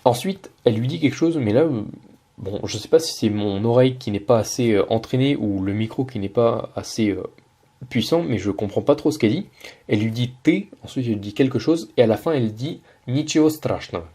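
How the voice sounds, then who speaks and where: A man's voice: medium pitch, brisk, warm tone, husky. A man teaching Russian in French, patiently breaking down a video line by line with frequent hesitations. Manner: patient, many hesitations and self-corrections. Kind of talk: explaining a video lesson.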